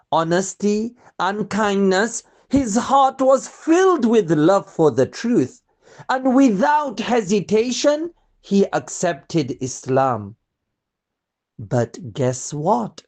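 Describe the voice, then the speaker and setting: With a mid-range voice, a narrator tells children a scripted religious story, delivering it expressively and asking the kids questions along the way.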